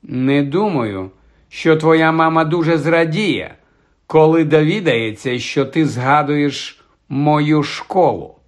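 A man's voice: high voice, expressive, a little slow, pitched above the performer's own voice. A man voicing a young boy wizard with a dry, unruffled, sarcastic manner in an audiobook. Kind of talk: audiobook character voice.

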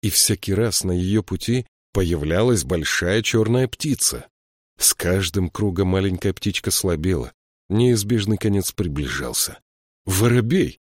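Deep-voiced man narrating an audiobook. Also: no room sound, clean studio sound. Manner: steady, measured storytelling. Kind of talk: scripted narration.

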